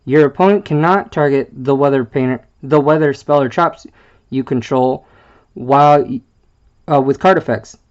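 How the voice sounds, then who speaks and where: Man reading card text, slightly muffled. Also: medium pitch. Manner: halting, stumbles over card wording with fillers. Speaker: YouTube deck presenter.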